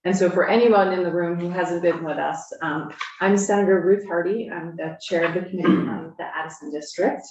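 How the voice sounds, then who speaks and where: A woman's voice: on the low side, fairly even intonation, fairly quick, few pauses, crowd noise. Woman chairing a meeting in an echoey room. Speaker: committee chair. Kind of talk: informal meeting moderation. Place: indoor committee room. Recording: distant, dull, echoey room microphone.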